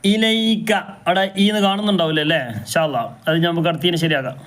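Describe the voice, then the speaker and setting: A male recitation teacher leads a live class with a high-pitched, resonant voice. He works through each rule by posing questions, then demonstrates with slow, drawn-out chanting of the verses. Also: fairly bright tone. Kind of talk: live class, explaining rules and reciting examples.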